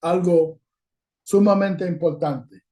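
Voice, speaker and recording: A male guest preacher delivers a sermon over a video call with a fairly high, mellow voice. He reads scripture aloud at length and then turns to address the congregation directly as brothers. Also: fairly even intonation, slow pace.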